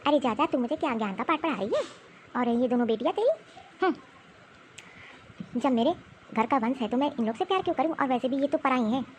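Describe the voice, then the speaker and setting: A woman's voice: sits high, animated, fairly quick, long pauses, a little hiss or hum. Woman doing a scornful old grandmother. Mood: scolding. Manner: scolding, taunting. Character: older grandmother, sharp-tongued and scornful. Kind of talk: cartoon voice acting.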